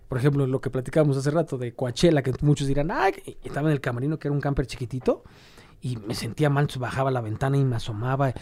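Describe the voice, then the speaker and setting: A man's voice: medium pitch, quick pace, a little mellow. A Mexican man hosting a podcast, talking in a casual, slangy way. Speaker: podcast host. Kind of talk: casual conversational interview.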